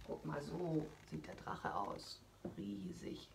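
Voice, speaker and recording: A woman, a radio host, reading a children's story aloud in an animated way, often whispering and adding little asides to children. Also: lowish voice, unhurried, a little hiss or hum.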